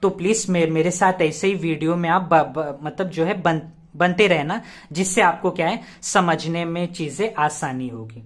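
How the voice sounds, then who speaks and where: A young man with a rather high voice talks through a grammar lesson slowly and step by step. He repeats each key word several times and poses rhetorical questions to his students. He often stops to spell words out letter by letter. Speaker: teacher.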